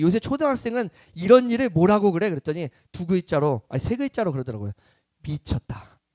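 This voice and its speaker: A middle-aged man preaches a Sunday sermon, lively and quizzing his congregation. His voice sits high. The recording is dry and close. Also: dry recording. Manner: lively, questioning the congregation, acting out quotes. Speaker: pastor.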